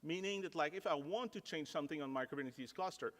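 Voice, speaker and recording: A French-speaking Canadian man with a fairly high, fairly bright voice talks fast, giving a casual technical talk in a large conference ballroom. The recording is reverberant, and his manner is self-deprecating, peppered with the filler "like."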